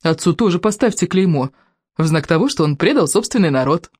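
A man's voice: a little high, animated, fairly quick, darkish tone, no room sound, clean studio sound. A man doing Alvin, a gloating one-eyed villain. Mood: sugary. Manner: sugary, gloating, mocking. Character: treacherous one-eyed male villain, power-drunk king. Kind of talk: audiobook character voice.

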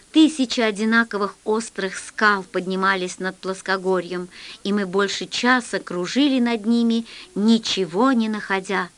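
A woman reading a children's science fiction story aloud as scripted narration, in an expressive storytelling manner. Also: mid-range voice. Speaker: audiobook reader.

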